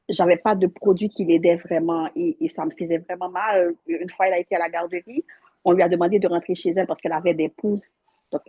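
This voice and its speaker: A mother speaks earnestly, restarting her sentences as she goes. Her voice is low, mellow and a little husky, and the sound is dry with no room echo. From Haiti. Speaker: workshop participant, a mother. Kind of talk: personal story on a video call.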